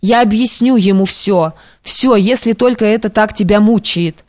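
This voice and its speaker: A woman's voice: mid-range voice, moderate pace, a little mellow, no room sound, clean studio sound, lightly acted. A woman reading Arkady, a worried devoted friend. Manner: urgent, beseeching. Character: devoted young male friend, worried and warm-hearted.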